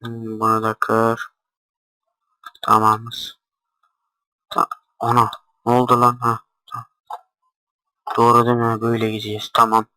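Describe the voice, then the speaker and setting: A man giving casual gameplay commentary, deliberately talking quietly and swearing offhandedly as he plays. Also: medium pitch, completely flat delivery, no room sound, rough recording. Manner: talks quietly on purpose, swears casually while playing.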